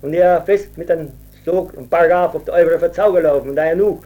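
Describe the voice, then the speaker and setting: A man's voice: on the high side, a little fast, mellow. An older man with a who tells a rambling folk tale and acts out the people in it. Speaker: storyteller. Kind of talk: folk storytelling.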